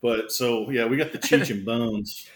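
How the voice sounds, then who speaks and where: A man as a podcast guest, a baseball scout, telling animated stories with frequent laughs. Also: mid-range voice, measured pace, slight background noise. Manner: animated storytelling, laughs often. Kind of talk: casual podcast chat.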